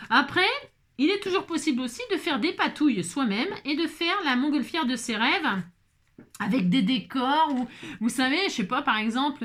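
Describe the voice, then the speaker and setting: A woman's voice: fairly high pitch, a bit bright. A woman hosting a papercraft tutorial in a casual, chatty way, joking and speaking straight to her viewers with constant little filler tags.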